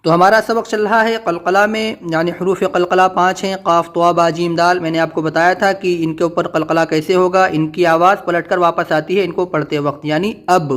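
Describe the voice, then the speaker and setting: A man's voice: sits high, steady tone, fairly bright tone. A man teaching Quran reading with tajweed, spelling out letters and syllables and drilling them patiently. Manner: slow drawn-out recitation of syllables.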